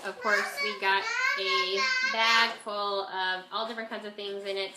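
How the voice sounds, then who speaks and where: A woman's voice: mid-range voice, wildly swooping pitch, unhurried. A woman chatting casually as a homeschool vlogger, with a stuffed-up, nasal voice from a cold, as if pinching her nose. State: has a bit of a cold. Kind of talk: casual chat to camera. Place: at home, indoors. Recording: echoey room, faint background noise.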